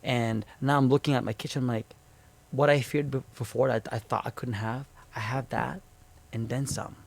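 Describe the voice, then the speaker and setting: A man's voice: medium pitch, steady tone, normal speed, gravelly. A man guest telling his small business story in casual chat, often repeating words and quoting himself with "I'm like".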